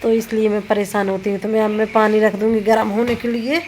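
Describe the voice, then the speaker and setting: A woman's voice: medium pitch, flat delivery, fast talker, darkish tone, slight background noise. A woman in her thirties with a sore throat, chatting casually through a home vlog and often correcting herself as she goes about chores. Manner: chatty, rambling, self-correcting. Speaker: vlogger. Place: home kitchen and rooftop.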